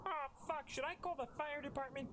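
A man's voice: extremely high pitch, steady tone, fast talker, noisy background. A man voicing an indignant, foul-mouthed frog puppet, agitated and sarcastic, in a comic cartoon parody. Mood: alarmed. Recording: music under the voice.

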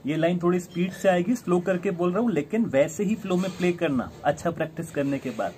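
A man teaching a flute lesson online, friendly and encouraging, who sings the note names out slowly for students to follow. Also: sits high, expressive, mellow.

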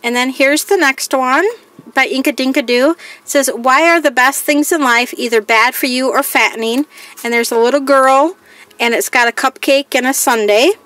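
Chatty woman with a higher voice. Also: steady tone, moderate pace, a bit bright. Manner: chatty, reads each item aloud in a plain listing way. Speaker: crafting vlogger. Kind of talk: casual haul show-and-tell.

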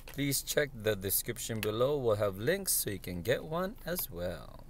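Casting: male food-review vlogger, lowish pitch, casual unscripted delivery, noisy in-car recording. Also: animated, unhurried. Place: inside a parked car. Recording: clear background noise with clicks.

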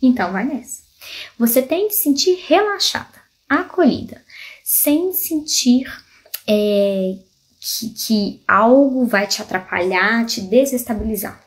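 A woman speaking in a slightly higher voice, a pelvic physiotherapist seated indoors. She explains to viewers in a lively, demonstrative way. She asks rhetorical questions, draws everyday comparisons and favors fond diminutives. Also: slow pace. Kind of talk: explanatory health talk to viewers.

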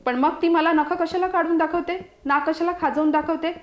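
A woman's voice: very high-pitched, fairly even intonation, brisk, reverberant, muffled recording, pitched above the performer's own voice. A woman doing a proud, grumbling guard dog. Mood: defiant.

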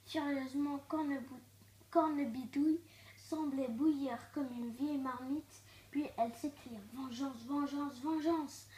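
A woman reading a children's storybook aloud, expressive and dropping to hushed tones for suspense. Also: high voice, unhurried, slight background noise. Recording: echoey room.

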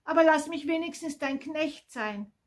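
A woman's voice: high voice, normal speed, voice pushed up, natural voice. A woman voicing a remorseful young son who stammers out an apology in a children's Bible story. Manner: stammering, pleading.

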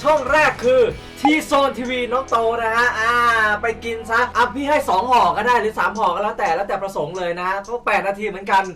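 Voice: medium pitch, steady tone, brisk, hardly any pauses, distant mic. A host doing playful, exclamatory commentary on a food challenge, in a theatrical way. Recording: loud music behind the voice. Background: music.

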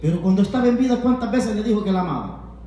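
Male evangelist, high voice, fervent sermon with constant amens, recorded in a very echoey room. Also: lively intonation, fast, dark tone. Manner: fervent preaching, rhetorical questions, repeated amens. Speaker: evangelist preacher. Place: home.

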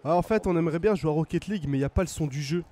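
A man's voice: fairly high pitch, rapid-fire, warm tone. A young man co-hosting a live gaming stream, joking around with crude banter. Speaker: streamer co-host.

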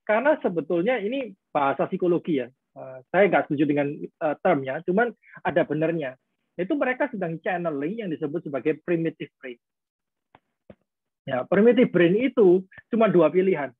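A man explains parenting ideas in a relaxed, conversational way and acts out little exchanges as he goes. His voice is husky and sits a little high. It is heard dry over thin, phone-like video call audio. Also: normal speed, dry recording. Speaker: guest speaker on parenting. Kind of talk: webinar Q&A answer.

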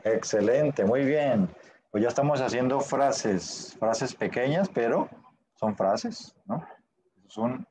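A man's voice: mid-range voice, a little mellow, husky. A man teaching a Spanish class online in a patient way, often checking in with short questions.

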